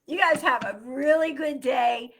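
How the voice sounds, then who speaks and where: A woman's voice: sits high, unhurried, fairly bright tone. A woman co-hosting a casual morning chat show, talking in a chatty, loose way and laughing often.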